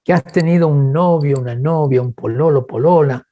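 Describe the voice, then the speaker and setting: A man with a Chilean accent preaching in a webinar, telling personal stories and acting out quoted voices. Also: moderate pace. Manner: animated, acts out quoted voices with big pitch jumps; addresses listeners as brothers, asks okay. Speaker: guest speaker. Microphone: webinar microphone.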